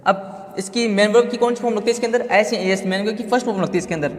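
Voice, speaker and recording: A grammar teacher with a rapid-fire, high-sitting male voice gives a step-by-step lesson, repeating terms and asking himself questions. He is recorded in an echoey room with long reverb.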